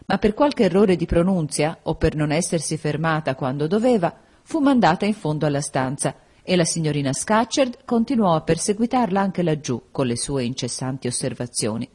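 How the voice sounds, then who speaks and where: A woman narrating a classic novel as an audiobook, in a measured, even storytelling manner. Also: deep voice, slightly rough.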